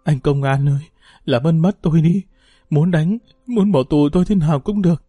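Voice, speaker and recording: A man's voice: a little high, moderate pace, dark tone, breathy edge, no room sound, soft background music, pitched above the performer's own voice. Man voicing a sobbing old woman. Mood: desperate, tearful. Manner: tearful pleading. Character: elderly woman, sobbing and begging for arrest.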